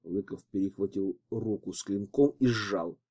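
A man narrating an audiobook in an expressive storytelling manner. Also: on the low side, moderate pace, husky.

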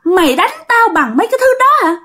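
A woman's voice: very high-pitched, very animated, moderate pace, a bit bright, voice pushed up, heavily acted. A woman voicing a vengeful female ghost nearly a hundred years old who has turned into a demon, snarling threats. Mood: snarling, threatening.

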